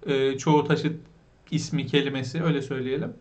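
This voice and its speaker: A man teaching basic English vocabulary, explaining patiently, asking learners questions and pronouncing words slowly. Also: medium pitch, fairly even intonation, darkish tone. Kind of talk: vocabulary lesson.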